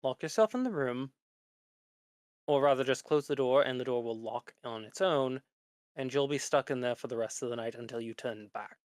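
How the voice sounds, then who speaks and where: Man playing a measured undead lich professor, dry close sound. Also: medium pitch, no echo, natural voice. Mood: instructive, reassuring. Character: lich professor in a metal mask, calm, instructive.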